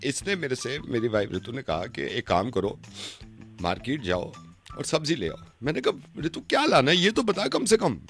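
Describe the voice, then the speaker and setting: A male radio host playing Rajesh, a touchy, aggrieved husband who calls to complain and then shouts back, over a music bed. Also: mid-range voice, very animated, normal speed. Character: aggrieved husband caller, touchy, quick to take offence. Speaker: radio prank caller. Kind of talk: radio prank call.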